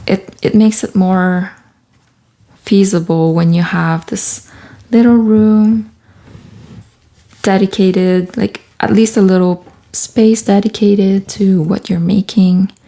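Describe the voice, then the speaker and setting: A soft-spoken woman talks slowly in a medium pitch with fairly even intonation. She's an artist, author and vlogger from Quebec, Canada, whose first language is French, chatting casually while making a collage in a small home studio.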